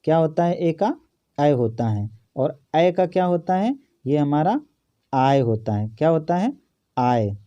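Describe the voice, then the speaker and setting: A man's voice: a little high, very animated, measured pace, mellow, lo-fi sound. A man teaching an exam-prep grammar lesson from a notebook, asking a question and then answering it himself. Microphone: phone or camera over a notebook.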